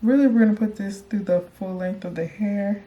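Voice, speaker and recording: A woman's voice: medium pitch, fairly even intonation, fairly quick, lo-fi sound. A young woman chatting casually to her viewers while doing her own hair, explaining each step in a self-assured way. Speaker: beauty vlogger. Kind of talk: casual hair tutorial talk.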